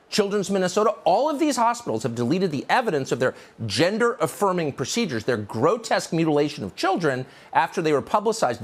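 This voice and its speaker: A news show host delivering a sardonic opinion monologue. His pitch swings dramatically from low growls to high mocking peaks, sitting a little above the usual male register. He sounds scornful and emphatic.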